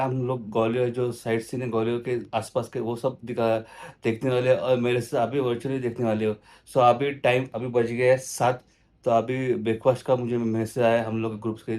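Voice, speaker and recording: A man's voice: mid-range voice, a little mellow. A man hosting his own travel vlog, talking casually to viewers in a friendly, chatty way. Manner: friendly, chatty, mixing English words. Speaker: travel vlogger. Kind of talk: casual vlog talk to camera.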